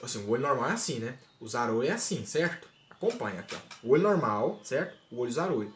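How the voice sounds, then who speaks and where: A man's voice: medium pitch, fast talker. A young man telling a comic personal anecdote, acting out scenes and laughing as he goes. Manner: animated, laughs through the story, acts out scenes. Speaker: storyteller vlogger. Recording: roomy echo, faint noise.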